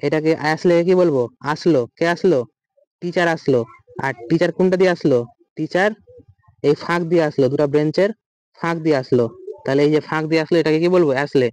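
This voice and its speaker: A man's voice: fairly high pitch, steady tone, fast, a little mellow, no echo, rough recording. A man with a Bengali accent teaching an exam-prep vocabulary lesson, asking questions and answering them himself. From West Bengal, India.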